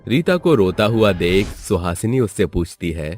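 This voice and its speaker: A man narrating a storybook tale in an expressive, scripted way. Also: low voice, moderate pace.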